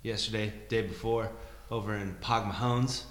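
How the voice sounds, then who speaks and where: A man's voice: fairly low pitch, steady tone, normal speed, a bit bright, echoey room. A young American man chatting casually, laid-back and laughing as he rambles. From United States. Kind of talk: casual chat.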